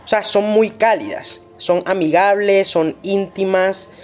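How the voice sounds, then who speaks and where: Student presenter reading class notes aloud, even, mid-pitched delivery. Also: a little slow.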